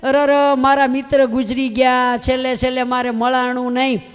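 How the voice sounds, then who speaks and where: A woman's voice: sits high, flat delivery, moderate pace, smooth, natural voice. A woman voicing a grieving old devotee man who laments his friend, within a sermon story. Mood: lamenting. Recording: long hall reverb.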